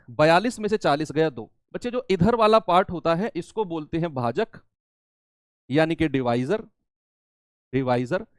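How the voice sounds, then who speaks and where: A man gives a maths lesson in a high, clear voice, recorded close and dry. He walks through each step, repeats the key terms, and now and then answers in the voice of his students. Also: no room sound. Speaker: maths teacher. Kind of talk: classroom maths lecture.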